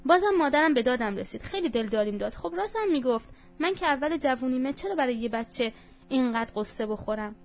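A woman's voice: high-pitched, expressive. A woman reading a first-person story aloud in an emotional, confessional way. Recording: dull sound with faint background music.

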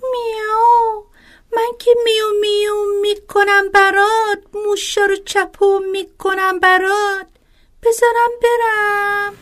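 A woman voicing a sulky cat who meows and whines in a high voice in a storybook. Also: level tone, fairly bright tone. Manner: whiny, meowing.

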